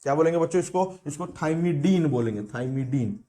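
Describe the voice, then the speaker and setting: A male biology teacher, his voice sitting a little higher than most men's. He lectures a class, asking questions and repeating each key term for the students to catch. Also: lively intonation, brisk, warm tone.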